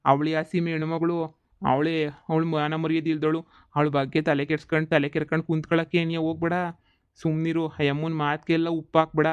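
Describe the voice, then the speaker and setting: A man's voice: a little high, fairly quick, clean tone, no room sound, lightly acted. A man voicing a bossy, teasing village husband who mocks his wife. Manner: mocking, flat drawl, rustic dialect. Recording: slightly dull lo-fi sound.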